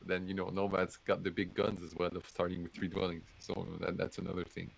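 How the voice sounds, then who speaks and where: Really low gravelly voice, guy on a game stream breaking down strategy. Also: completely flat delivery, a little fast, rough recording. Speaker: board game player. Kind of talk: casual strategy chat on a live stream.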